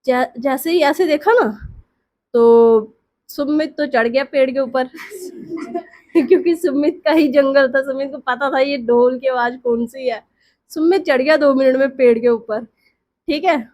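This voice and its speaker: A woman's voice: high voice, normal speed, darkish tone. A woman telling a story in a chatty, casual way, often checking in with her listeners.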